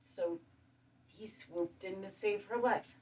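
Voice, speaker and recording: A woman hosting her show, talking calmly in a casual monologue and listing things one by one. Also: mid-range voice, takes it slowly, far from the mic. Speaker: show host. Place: studio.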